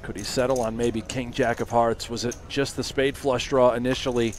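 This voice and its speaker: A man giving hushed, analytical poker commentary, thinking aloud through the hands and posing questions as he goes. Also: medium pitch, little pitch movement, moderate pace, a little hiss or hum.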